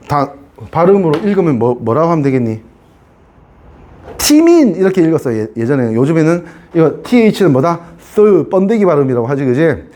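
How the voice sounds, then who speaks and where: Lively high-voiced man teaching science. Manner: chatty, keeps asking students to confirm; repeats and re-explains key points. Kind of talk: classroom lecture.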